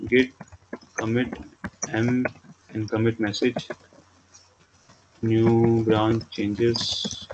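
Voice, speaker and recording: Indian-accented man, flat tutorial delivery. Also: fairly low pitch, very slow, pauses often. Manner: repetitive, simple step-by-step explaining. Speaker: programming instructor. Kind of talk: screen-recorded tutorial, explaining step by step. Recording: dull lo-fi mic with background noise.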